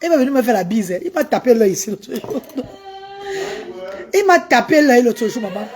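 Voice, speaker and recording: Animated woman chatting on a live stream. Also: fairly high pitch, moderate pace, heavy background noise. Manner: animated, coaxing a child between remarks to viewers. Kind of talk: casual live-stream chat with viewers.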